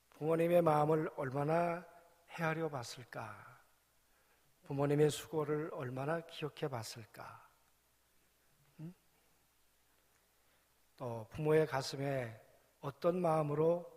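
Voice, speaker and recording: A man's voice: fairly high pitch, a little mellow. A male pastor preaching a sermon reflectively, asking his congregation rhetorical questions. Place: church sanctuary. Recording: long church hall reverb.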